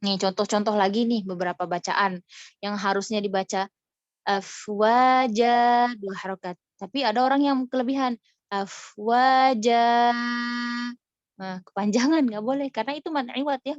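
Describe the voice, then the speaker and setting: A woman's voice: mid-range voice, fast talker, no echo, muffled recording. A woman teaching an online recitation lesson in a chatty way, often demonstrating right and wrong readings.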